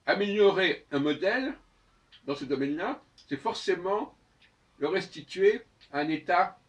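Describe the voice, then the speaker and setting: A man's voice: sits high, animated. Hesitant man lecturing from a distance. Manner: hesitant, restarts phrases, frequent "euh" and "hein"; spells letters out slowly. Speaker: speaker of his own channel. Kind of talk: unscripted spoken lecture.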